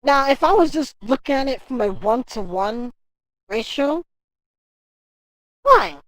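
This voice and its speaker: A woman's voice: sits high, unhurried, dry recording, low-quality recording. A woman livestreaming from home, ranting in casual talk, swearing and speaking straight to her chat. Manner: animated, profane ranting.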